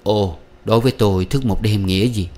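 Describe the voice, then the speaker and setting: Man doing firm older brother, low commanding voice, storybook. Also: fairly quick, darkish tone, natural voice. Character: eldest brother, firm and caring.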